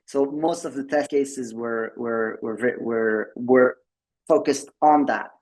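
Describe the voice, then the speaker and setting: Speaking slowly in a mid-range, slightly mellow voice, a man gives a tech presentation at a members' meeting held over a video call. His conference-style talk is loaded with fillers and restarts.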